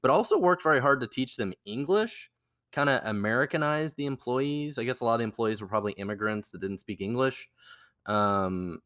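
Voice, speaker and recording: A man co-hosting a casual podcast discussion, speaking in a measured way and hedging his points with fillers. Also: medium pitch, animated, a bit bright, dry recording, studio quality. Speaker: podcast co-host.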